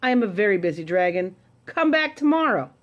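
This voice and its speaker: A woman voicing a boastful, lazy male dragon in a storybook reading, low and gloating. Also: very animated, a little fast, lightly acted.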